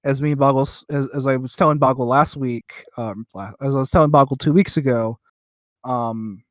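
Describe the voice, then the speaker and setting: A man co-hosts a podcast, talking in a halting, enthusiastic way with plenty of fillers. His voice sounds dry and close, with no room echo. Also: mid-range voice. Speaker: podcast co-host. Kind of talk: casual podcast chat.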